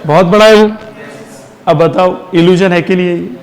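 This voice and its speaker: A man's voice: high-pitched, steady tone, moderate pace. A male science teacher giving a classroom physics lesson, drilling students with repeated questions and answers, mixing in English terms. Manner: mixes Hindi with English terms. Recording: long reverb in a hall.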